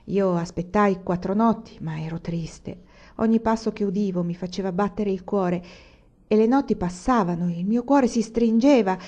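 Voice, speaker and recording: Proud tired widow talking low and close, read by a woman, dark mellow voice, kinda muffled audio. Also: lightly acted. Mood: sorrowful. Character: poor middle-aged widow of a bandit, proud, weary.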